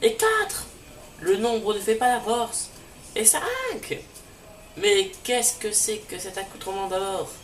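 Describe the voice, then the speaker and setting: A stern old professor lectures and scolds, his voice leaping up into squeaky highs, as a man does the voice in a game let's play. It is recorded in a roomy space far from the mic, with a faint hiss. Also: expressive, slow pace, a bit bright, full character voice. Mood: scolding.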